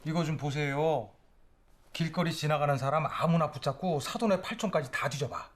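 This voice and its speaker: An actor playing an anxious, excitable senior male prosecutor in a period film, scolding and exclaiming fretfully. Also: on the high side, normal speed, natural voice. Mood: fretting. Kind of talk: 1980s period film acting. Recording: film audio with clear noise.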